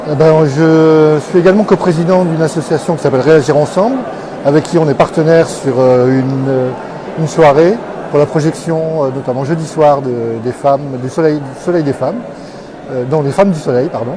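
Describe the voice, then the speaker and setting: A man, co-president of an association, answering interview questions in a halting, self-correcting way. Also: fairly high pitch, fairly even intonation, poor audio. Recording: crowd chatter behind.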